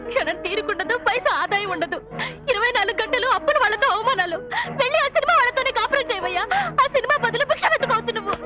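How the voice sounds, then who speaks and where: A woman in a film melodrama, her very high voice firing off shrill, sarcastic reproaches at speed. Loud music runs beneath her. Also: lively intonation, racing. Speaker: actor playing a bitter wife.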